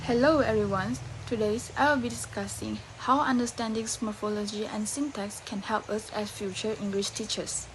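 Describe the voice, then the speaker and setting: A woman's voice: mid-range voice, fairly even intonation, moderate pace, hardly any pauses, slight background noise, rough recording. Young woman reading a class presentation. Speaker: student presenter, future English teacher.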